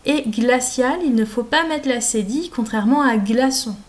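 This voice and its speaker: A woman speaking as a French teacher, carefully enunciating in a didactic, deliberate way as she dictates and explains. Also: a little high. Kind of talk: slow, articulated classroom dictation and explanation.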